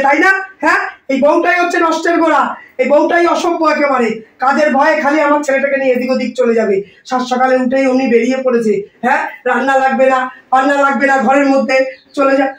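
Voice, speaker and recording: A woman playing a loud, quarrelsome mother-in-law who scolds and accuses, in a comic family skit. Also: high voice, natural voice. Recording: echoey room, voice from a distance.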